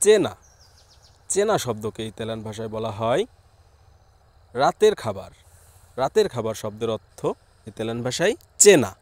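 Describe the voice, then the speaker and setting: Bangladeshi man teaching a slow lesson. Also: medium pitch, sing-song, a little mellow, dry recording. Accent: Bangladeshi Bengali. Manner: slow, repeating each word and its meaning. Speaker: language teacher. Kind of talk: language lesson.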